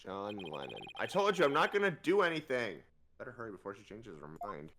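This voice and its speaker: A man's voice: medium pitch, a little fast, background noise. A man hosting a gaming show, playfully reading character lines aloud and bantering in a goofy way. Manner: goofy, animated. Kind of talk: playful let's play, dramatic line reading and banter.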